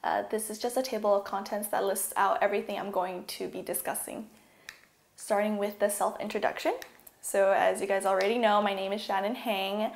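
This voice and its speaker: A young woman from California talks through a presentation in a loose, casual way, filling pauses with "um" and "like". Her voice sits at an ordinary middle pitch. It bounces around an echoey room. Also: level tone, creaky. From California, USA. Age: young adult. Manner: casual, uses "like" and "um" often. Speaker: university student. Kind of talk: presentation talk.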